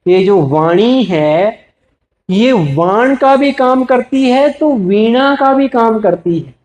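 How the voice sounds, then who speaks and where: A man giving a spiritual talk to an audience, gently teaching and repeatedly asking listeners questions before answering them himself. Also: extremely high pitch, expressive. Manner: slow, gentle, repetitive teaching. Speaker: spiritual speaker.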